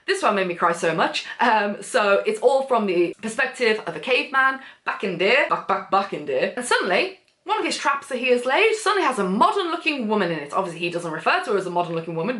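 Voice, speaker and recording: A woman recommends books in a loose, gushing chat, full of fillers, with her voice leaping up when she gets excited. Her voice sits a little high. The room around her adds a clear echo. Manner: gushing and chatty, full of fillers, big pitch swings. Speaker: book vlogger. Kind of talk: casual book recommendations. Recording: echoey room.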